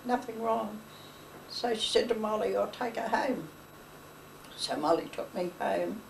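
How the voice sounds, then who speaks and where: This older woman, an oral history interviewee, rambles through family stories in a chatty way, acting out old conversations and laughing. Her voice is medium-pitched with some vocal fry, and her pace is measured. The mic sits at a distance, leaving a faint hiss.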